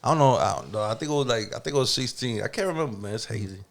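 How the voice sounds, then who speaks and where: A fast-talking man in his forties from Germany, guesting on a casual podcast. He tells his story in an animated, profane way and often breaks into laughter. His voice sits at a middle pitch. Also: creaky. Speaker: guest rapper.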